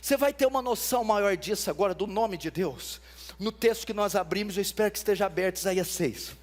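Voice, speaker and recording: A man preaching a sermon as pastor, teaching with emphasis and repetition and rising to shouts at times. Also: high-pitched, fast talker. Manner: emphatic teaching, rises to shouts, repeats for stress.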